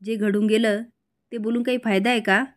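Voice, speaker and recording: A woman reading a gentle soothing wife. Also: on the high side, fairly even intonation, brisk, dry recording, clean studio sound, close to an everyday voice. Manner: soothing, reasoning.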